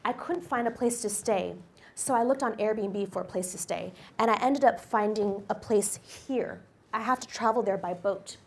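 A woman in her forties from the United States, a company executive giving a guest lecture to a university class. She speaks into a handheld microphone on a lecture hall stage and tells personal stories in a lively, upbeat way. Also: medium pitch, normal speed.

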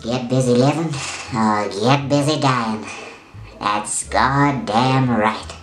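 A man in his twenties with a squeaky helium voice, reciting movie quotes in an exaggerated, theatrical way. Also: slow, fairly bright tone, soft background music. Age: 20s. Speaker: vlogger doing a challenge. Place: bedroom, indoors. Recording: roomy bedroom sound.

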